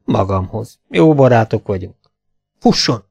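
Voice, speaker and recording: A man's voice: lowish voice, very animated, vocal fry, darkish tone, husky, no echo, studio quality, exaggerated voice. A man playing a wisecracking young adventurer. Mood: wry. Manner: wisecracking, unflappable. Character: cocky, joking young male adventurer.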